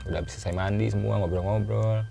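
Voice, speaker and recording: A man with a casual way of talking, telling his own story as a guest in a relaxed chat and repeating phrases for emphasis. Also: on the low side, fairly quick, creaky.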